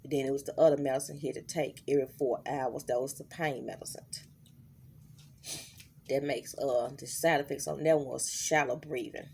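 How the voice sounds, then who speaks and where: Middle-aged woman, raspy low fry, anxious and halting diary vlog; faint noise. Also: fairly even intonation, darkish tone. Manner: halting, many fillers and restarts. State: worried, holding back tears. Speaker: vlogger.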